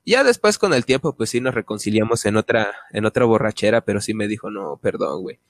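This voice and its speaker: A man's voice: fairly low pitch, big pitch swings, quick pace, no room sound, studio quality. A young adult man with a Mexican accent, co-hosting a casual chat and telling a personal story, full of slang and swearing. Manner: slangy, swears freely, acts out quoted voices. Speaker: podcast co-host.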